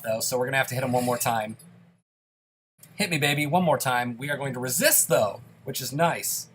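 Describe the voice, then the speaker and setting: A young gaming YouTuber, slightly sick and coughing now and then, gives casual, self-deprecating play-by-play commentary on a dungeon game. His voice is on the high side and a bit bright, with slight background noise.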